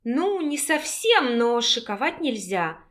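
A woman's voice: on the high side, big pitch swings, takes it slowly, fairly bright tone, full character voice. A woman reading an audiobook and voicing a playful young wife with a light, coy, teasing manner.

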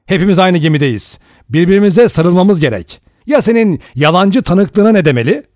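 A sardonic, quick-tongued adventurer in a storybook reading, as a male narrator puts him on, his voice lifted higher than the narrator's. He talks in lively, mocking jabs, recorded close and dry. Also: no echo. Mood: angry.

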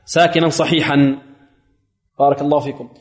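A man teaching the rules of Quran reading in a recorded lesson. He puts questions to his students and answers them himself, and he slows down to model words as they are recited. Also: a little high, fairly even intonation. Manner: asks students questions and answers them himself, often repeating "may God bless you". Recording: echoey hall recording.

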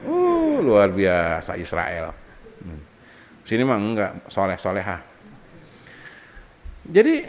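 Animated male preacher in a hall. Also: fairly high pitch. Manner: joking, animated storytelling with acted-out quotes. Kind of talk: humorous Islamic sermon. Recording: long hall reverb.

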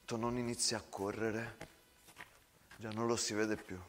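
A male actor narrating a war story as a theatrical monologue, in a hushed, slow, grave voice. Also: fairly low pitch, flat delivery, a little hiss or hum.

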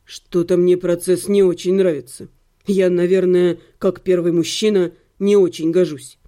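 A woman reader voicing a grumpy young male necromancer husband in an audiobook, speaking in a gruff, terse, sulky way. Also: on the low side, flat delivery, moderate pace, mellow, voice pushed down, lightly acted. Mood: grumbling. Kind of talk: audiobook character voice.

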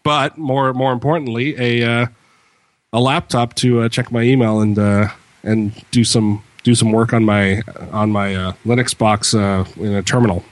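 A man's voice: medium pitch, steady tone, moderate pace, no echo. A man chatting casually about tech as a podcast co-host, in an informal, talkative way. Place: room with bare walls, slightly reverberant.

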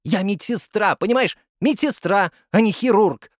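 A man's voice: high-pitched, expressive, moderate pace, no room sound, clean studio sound, pitched above the performer's own voice. A man voicing a grumpy, stout woman, a head nurse who complains shrilly. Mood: grumbling.

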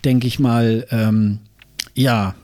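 A man's voice: mid-range voice, steady tone, very slow, a little mellow, dry recording. A man co-hosting a podcast in casual chat, hesitant, with many fillers and restarts. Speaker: podcast co-host.

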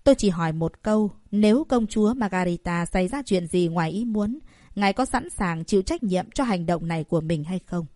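A woman's voice: fairly low pitch, animated, a little fast, darkish tone, dry recording, lightly acted. Woman doing young doctor, stern, composed, dry close sound. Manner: firm, serious, composed. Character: calm steady young male herbal doctor.

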